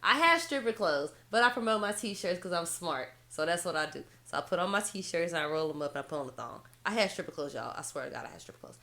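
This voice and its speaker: Brief: young woman vlogger, bright voice, animated storyteller who jumps high to quote herself. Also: quick pace, hardly any pauses. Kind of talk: casual storytelling to camera.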